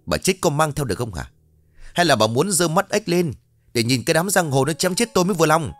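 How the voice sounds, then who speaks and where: A man's voice: a little high, sing-song, quick pace, faint music behind, pitched above the performer's own voice. A man voicing a brutal, hot-tempered grown son who roars at his old mother. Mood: raging. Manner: roaring, scolding.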